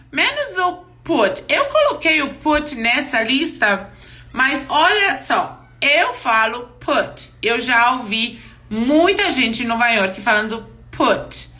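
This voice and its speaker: Bright-voiced woman teaching pronunciation slowly. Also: sits high. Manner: slow, drawn-out model words; checks in with "yes?" and "ok?". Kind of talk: live online class. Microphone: live-stream mic.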